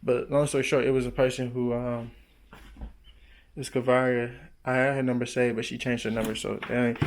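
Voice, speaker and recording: A young man in his twenties chats on in a relaxed vlog monologue. His voice sits at an ordinary middle pitch. He drifts between laid-back slang and sudden excited jumps upward. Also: normal speed, slight background noise. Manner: loose slangy talk with sudden excited high bursts. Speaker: vlogger. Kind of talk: casual rambling monologue.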